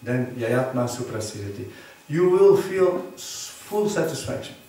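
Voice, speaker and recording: A man's voice: mid-range voice, sing-song, a little slow, warm tone. A man giving an earnest sermon on scripture in a temple, quizzing his listeners with short tag questions. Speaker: temple preacher. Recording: very echoey hall, distant mic.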